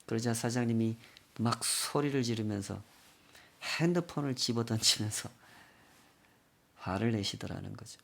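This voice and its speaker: A man's voice: mid-range voice, moderate pace, creaky, pauses often. A male pastor preaching a sermon, telling a story with acted quotes and rhetorical questions.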